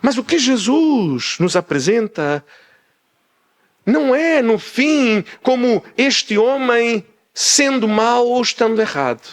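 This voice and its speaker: A man preaching a sermon as pastor, loud by habit and animated, acting out small dialogues as he explains. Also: very high-pitched, takes it slowly. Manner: animated, acts out little dialogues; speaks loudly by habit. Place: church in Portugal.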